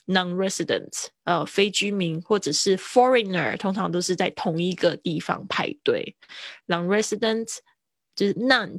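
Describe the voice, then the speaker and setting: A woman leads a livestream vocabulary lesson, her fairly low voice carrying a gravelly edge. She mixes English terms into relaxed Chinese explanations, drawing words out slowly to drill them. The sound is close and dry. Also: no room sound. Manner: laughs easily, drawn-out word drills. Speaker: English teacher.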